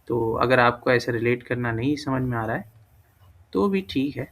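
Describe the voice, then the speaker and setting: In this casual screen-recorded language lesson, a man with a medium-pitched, animated and fairly bright voice teaches while thinking out loud. He often corrects himself and leans heavily on fillers.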